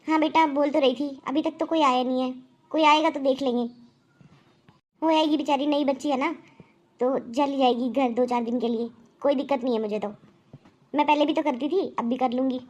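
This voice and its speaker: A woman voicing a kindly, patient mother-in-law in a cartoon, gentle and reassuring. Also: high voice, steady tone, moderate pace. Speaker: cartoon voice actor. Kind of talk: cartoon voice acting.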